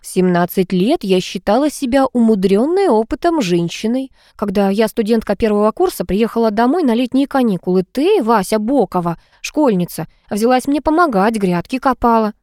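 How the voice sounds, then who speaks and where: A woman's voice: fairly high pitch, animated, a little mellow, dry recording, studio quality, close to an everyday voice. Woman reading as a composed, lecturing older lady. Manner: measured, lecturing speech.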